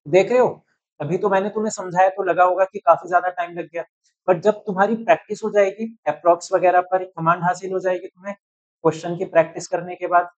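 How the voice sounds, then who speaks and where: A man's voice: sits high, fairly even intonation, fairly quick, lo-fi sound. A young man teaching chemistry, working through a calculation step by step and often checking that students are following. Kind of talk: chalkboard-style math walkthrough.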